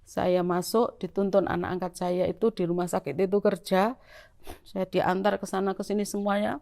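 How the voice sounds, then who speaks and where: A middle-aged woman with a Javanese-influenced Indonesian accent, telling her church testimony to the congregation in a lively storytelling way. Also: medium pitch, moderate pace, creaky. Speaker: church member giving testimony.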